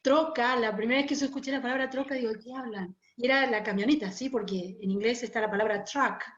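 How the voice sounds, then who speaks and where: A fast-talking woman with a fairly high voice, from Montevideo, Uruguay, joins a casual interview chat as the guest. She's an oral storyteller with a Rioplatense accent, explaining things over a muffled, roomy internet connection.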